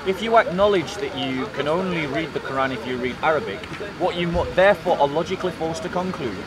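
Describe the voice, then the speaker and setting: A man's voice: a little high, expressive, fast. A man in his thirties with an English accent, pressing his point in a heated outdoor debate, repeating questions and cutting in. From England. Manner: insistent, interrupts with repeated questions. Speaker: street preacher. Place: outdoor park by a kiosk, city crowd. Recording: outdoor crowd noise. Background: crowd chatter.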